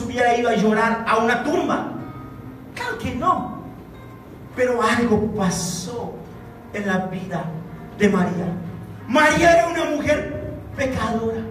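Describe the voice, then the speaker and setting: Man, pastor, high voice, slow deliberate sermon, shouts at peaks, distant mic in a booming church. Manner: impassioned preaching, rising to shouts; slow, deliberate phrasing with repetitions. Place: church sanctuary. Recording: echoey hall from far off, faint music.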